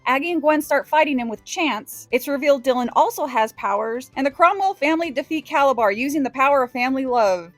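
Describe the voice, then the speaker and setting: A woman's voice: high-pitched, dry recording. A woman hosting a movie review, giving a scripted comedic recap in a casual, sarcastic way with some swearing. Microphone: close, dry voice-over mic.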